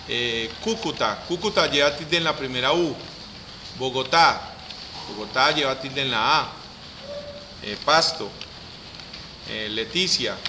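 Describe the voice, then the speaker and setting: A man teaching a software lesson, repeating each step aloud as he works. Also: mid-range voice, background noise. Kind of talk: screen-recorded software lesson.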